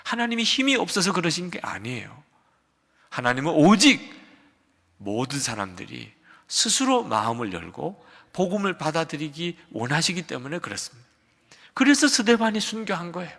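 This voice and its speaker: An older man preaching a sermon as pastor, moving between loud emphatic peaks and quiet low asides. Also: sing-song, moderate pace, creaky. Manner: acts out a shouting quarrel in quotes. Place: large church sanctuary. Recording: long hall reverb of a church sanctuary.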